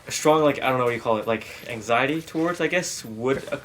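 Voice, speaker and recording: A man's voice: medium pitch, fast, fairly bright tone, slight background noise. A man asking long, rambling questions full of fillers in a casual chat. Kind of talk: casual group chat about dreams.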